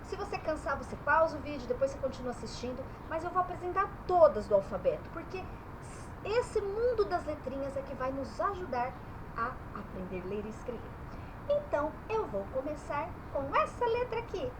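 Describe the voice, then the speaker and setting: In her bedroom, a woman teaches young children about letters and vowel sounds, drawing out the vowels as she talks. Her voice is high, very animated and brisk, with background noise present.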